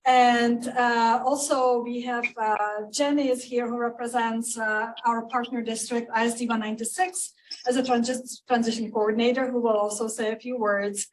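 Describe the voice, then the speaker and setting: A woman researcher giving a presentation at an event, talking with many fillers and pauses. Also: a little high, fairly even intonation. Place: event room. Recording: distant mic with faint room noise.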